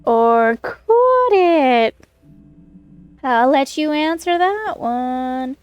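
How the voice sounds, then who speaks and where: A spooky, mischievous video game colleague, acted out by a woman, speaks in a high voice over music. The delivery is slow and theatrical, drawing out each menacing warning. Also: animated, muffled recording, exaggerated voice. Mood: mock menace.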